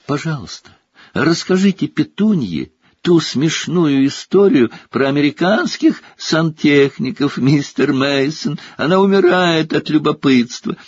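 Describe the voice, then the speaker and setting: A man playing a bad-tempered middle-aged uncle who growls hoarsely through clenched teeth. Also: fairly high pitch, animated, unhurried, no room sound, voice pushed up. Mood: fawning. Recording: slightly dull, dry recording.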